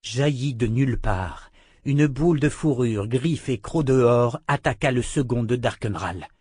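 A man's voice: mid-range voice, measured pace, a little mellow, breathy edge, no echo. Man narrating an audiobook, dry close sound. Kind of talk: audiobook reading.

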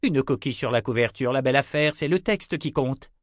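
A dismissive, grumbling sister, voiced by a man reading the audiobook, mutters her objections in a higher voice. The recording is close and dry. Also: lively intonation, a little fast, dry recording, lightly acted.

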